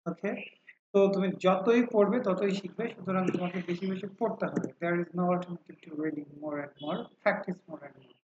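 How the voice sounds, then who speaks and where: A man teaching English pronunciation in a classroom-style lecture. He patiently repeats example words many times and pauses often with hesitant fillers. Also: sits high, steady tone, background noise. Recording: roomy, dull lo-fi sound.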